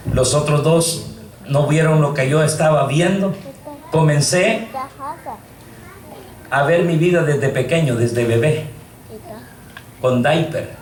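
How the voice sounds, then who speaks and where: A man's voice: on the high side, takes it slowly, long pauses, darkish tone. Man giving an emotional church testimony. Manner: earnest, emotional storytelling, often addressing listeners as brothers. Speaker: testimony speaker. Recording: roomy echo, distant mic, faint noise.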